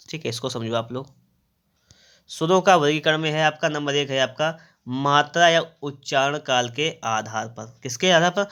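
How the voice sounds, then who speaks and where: A man's voice: a little high, bright, forceful tone, smooth. A man teaching grammar for exams, who asks his own questions, answers them, repeats the key terms and draws out the vowel sounds. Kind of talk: exam-prep grammar lesson.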